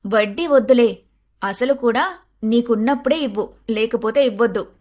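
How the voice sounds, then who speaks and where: A woman's voice: fairly high pitch, moderate pace, close to an everyday voice. A woman doing a scheming young daughter-in-law. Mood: sugary. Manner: pert, sharp, sometimes sugary.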